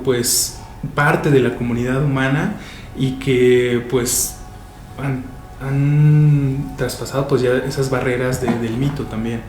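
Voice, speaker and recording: A man's voice: mid-range voice, darkish tone. Hesitant Mexican man in echoey room. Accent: Mexican Spanish. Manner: hesitant, many fillers and restarts. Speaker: podcast co-host. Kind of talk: casual panel chat. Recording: echoey room with faint noise.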